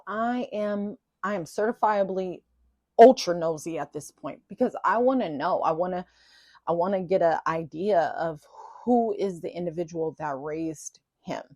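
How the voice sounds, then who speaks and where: A woman with a somewhat low voice tells a personal story in a relaxed vlog monologue. Her delivery is chatty and animated, with playful self-teasing asides. The sound is close and dry, with no room echo. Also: measured pace. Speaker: vlogger telling a personal story.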